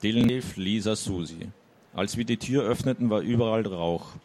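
A man's voice: on the low side, normal speed, a little mellow. A man reading a first-person novel aloud, with hesitant asides when summarizing. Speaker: audiobook reader.

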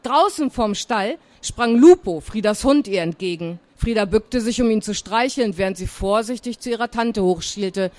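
A woman's voice: mid-range voice, expressive, moderate pace, hardly any pauses, a little mellow. A woman author talking about her books in a chatty way and reading a story aloud to young listeners. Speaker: children's book author.

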